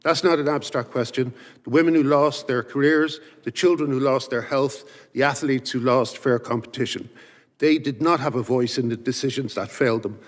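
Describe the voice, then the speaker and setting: A man's voice: mid-range voice, normal speed. Emphatic man giving testimony. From Ireland. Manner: emphatic, rhetorical lists. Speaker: witness at a legislative hearing. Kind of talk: prepared testimony. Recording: reverberant hearing room.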